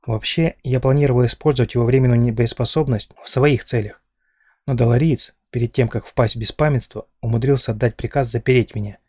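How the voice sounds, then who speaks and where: A man narrating an audiobook in an even, measured storytelling manner. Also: medium pitch, slightly rough, no echo, studio quality. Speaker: audiobook reader. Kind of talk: scripted narration.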